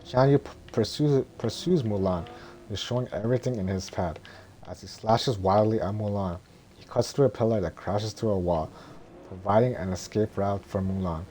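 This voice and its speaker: Low, mellow man droning through a script. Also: a little hiss or hum. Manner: monotone, droning delivery; halting, stumbling over words. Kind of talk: scripted narration, reading a film script.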